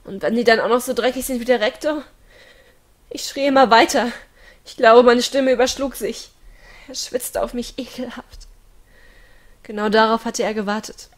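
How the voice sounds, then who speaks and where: A woman reading a first-person audiobook dramatically and emotionally, swinging from hushed, whispered passages to loud, strained ones. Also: fairly high pitch, fairly even intonation, moderate pace, long pauses. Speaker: audiobook reader.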